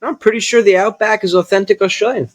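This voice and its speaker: A man with a distinctly high-pitched voice banters in casual podcast chat. He giggles often and chimes in with brief joking lines rather than long stretches of talk. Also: fairly even intonation, fast. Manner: giggly, with short joking interjections. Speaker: podcast co-host.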